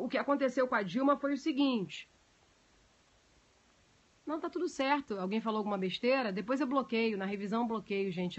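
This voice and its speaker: A woman's voice: fairly high pitch, fairly bright tone, highs cut off. A woman teaching a class on a live stream, explaining at length and chatting with viewers between points, with many fillers. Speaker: teacher of budget law. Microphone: phone.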